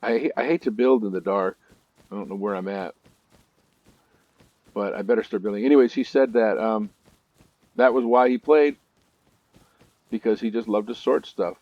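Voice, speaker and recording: A man's voice: lowish voice, normal speed, pauses often, dry recording, highs cut off. A man hosting a let's-play gaming video, telling stories in a chatty way with nervous asides.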